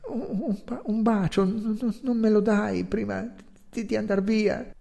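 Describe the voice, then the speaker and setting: A man reading aloud voices a dying young woman who is bitter and clinging, speaking softly and stammering. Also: high-pitched, expressive, slow pace, pitched above the performer's own voice, heavily acted. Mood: pleading. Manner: soft and murmuring, stammering.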